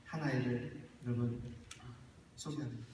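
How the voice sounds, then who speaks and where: A middle-aged man preaching a sermon as pastor, putting questions to the congregation and swinging from loud cries to quiet, earnest talk. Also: mid-range voice, steady tone, normal speed, slight background noise. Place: church sanctuary. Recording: echoey church hall from far off.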